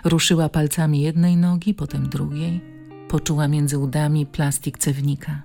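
Low, gravelly woman reading a novel. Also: little pitch movement, moderate pace, dark tone, faint music behind. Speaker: audiobook reader. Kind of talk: scripted audiobook narration.

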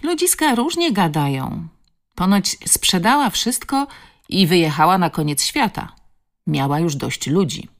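A woman's voice: fairly low pitch, sing-song, measured pace, voice pushed up. A woman reading the part of a stout village woman trading gossip in a scandalized tone. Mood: gossipy.

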